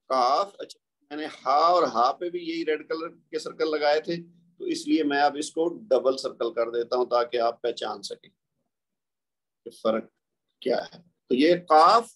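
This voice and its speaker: A man teaching a Quran recitation class over a video call, patiently explaining and drawing out letter sounds. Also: on the high side. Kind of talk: online class lecture. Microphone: computer mic on a video call.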